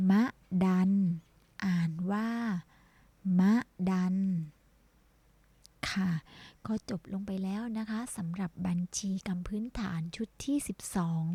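A woman primary school teacher leading a reading lesson, saying each word slowly and repeating it for children to follow. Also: mid-range voice, mellow, husky, no echo.

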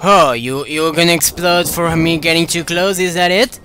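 A young man giving excitable let's-play commentary, yelling, taunting and cursing at enemies as he plays. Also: a little high, moderate pace, faint music behind. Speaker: gaming YouTuber.

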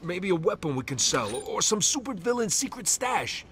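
A man's voice: high voice, very animated, moderate pace, fairly bright tone. An actor playing a jittery, hopeful male thug in a video game, eager and pleading, heard from a distance. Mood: anxious hope. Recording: distant, noisy game ambience.

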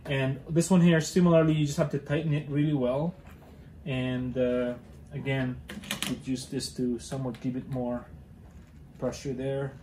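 A young man walks through a hands-on garage install, his talk full of fillers and restarts as he works. His voice sits at an ordinary pitch and bounces around a roomy, echoey garage, picked up by a camera mic a few feet away. A faint hum sits underneath. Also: flat delivery, normal speed. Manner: hesitant, many fillers and restarts while working with his hands. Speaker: DIY car channel host. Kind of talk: casual how-to demonstration. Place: cluttered garage indoors.

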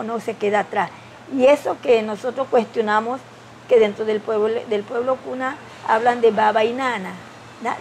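A woman's voice: fairly high pitch, a little mellow, a little hiss or hum, poor audio. A woman who makes documentaries reflects in a hesitant, conversational way, full of fillers and tag questions. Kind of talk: casual interview reflection.

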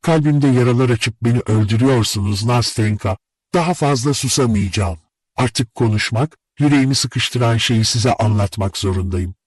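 A man's voice: mid-range voice, normal speed, a little mellow, husky, no echo, close to an everyday voice. A man voicing a lonely, lovesick young man in an audiobook, speaking earnestly and imploringly. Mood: confessing. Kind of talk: audiobook character reading.

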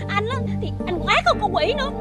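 An outspoken Southern Vietnamese woman, very high voice, scolding tone, TV drama, music behind. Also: very animated. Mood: indignant. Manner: scolding, quick to cry out. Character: outspoken young woman, fiercely protective of a boy. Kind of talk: TV drama acting. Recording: film dialogue under background music.

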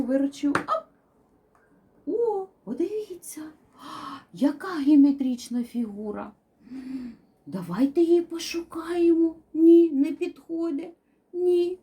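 A woman with a high, mellow voice leads toddlers through a learning game. Her pitch swoops widely as she coaxes and chants playful rhymes. She speaks slowly so the children can repeat words after her. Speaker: preschool teacher. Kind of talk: children's educational game video.

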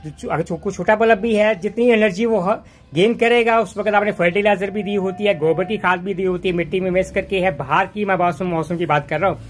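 A man's voice: sits high, fairly even intonation, a little fast. A man hosting a gardening channel, walking through his rooftop garden outdoors and talking casually into a handheld phone, rambling and often restarting his words.

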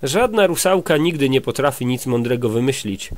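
A man's voice: medium pitch, expressive, moderate pace, lightly acted. Muchomorek, a man doing a grumbling little gnome. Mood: grumpy. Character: grumpy little male forest gnome. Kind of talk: storybook read-aloud.

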